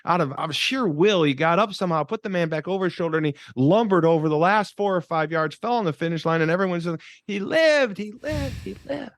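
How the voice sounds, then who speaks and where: A coach and author in his sixties from Michigan, USA, tells a story as a guest on an interview podcast. He talks fast with few pauses in a fairly high voice, delivering it emphatically and dramatically, repeating phrases. The recording is dry.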